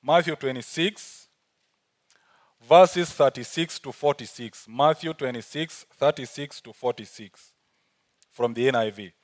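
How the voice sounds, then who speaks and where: This sermon comes in a medium-pitched voice, a little slow. The guest speaker, who has a South Sudanese accent, preaches earnestly in church and repeats his main phrases for emphasis.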